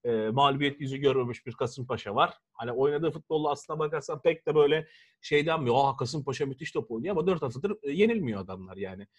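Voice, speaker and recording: A man's voice: medium pitch, lively intonation, fast. A man in a casual sports discussion, giving opinions as a pundit and repeating his points conversationally. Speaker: football pundit.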